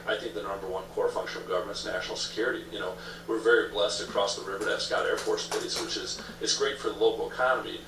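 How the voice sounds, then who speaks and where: Fast-talking male political candidate, echoey recording. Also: fairly low pitch. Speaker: political candidate being interviewed. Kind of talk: political interview answers. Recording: echoey room, distant mic, noisy background.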